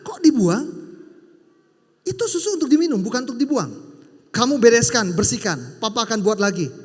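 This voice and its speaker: Man playing a firm, commanding dad with a high voice, echoing in a big hall. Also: sing-song, moderate pace, husky, full character voice. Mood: stern. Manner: firm, commanding, then gentle. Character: stern but loving father disciplining his small daughter. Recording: reverberant hall.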